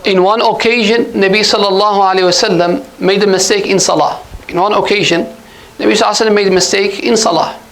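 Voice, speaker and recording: High-voiced man teaching an Arabic class. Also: fairly even intonation, fast, fairly bright tone, poor audio. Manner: patient, repeats points and quizzes the class. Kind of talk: classroom lesson. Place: mosque classroom.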